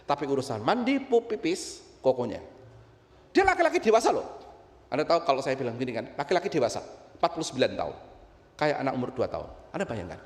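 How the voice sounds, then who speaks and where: A middle-aged man from Indonesia, a pastor telling a personal story in a sermon, dropping to quiet low asides and rising to loud high outbursts. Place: church hall. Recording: roomy church hall with long reverb.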